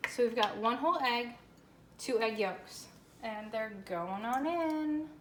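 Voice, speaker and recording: A woman's voice: fairly high pitch, slow. Chirpy American woman in an echoey room. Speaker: host of a home baking show. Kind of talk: casual chatty cooking demonstration. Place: indoors, home kitchen. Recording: echoey room with faint background noise.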